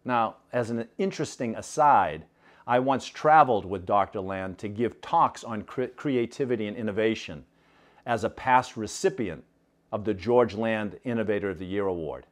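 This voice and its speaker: A man telling a story in an animated, conversational talk, often asking the listener "right?". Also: lowish voice, normal speed. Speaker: speaker.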